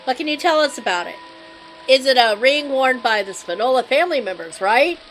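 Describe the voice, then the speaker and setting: A woman reading a steady FBI agent. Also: high-pitched, a little fast, slight background noise, low-quality recording. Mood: matter-of-fact. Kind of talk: voicing game dialogue on a live stream.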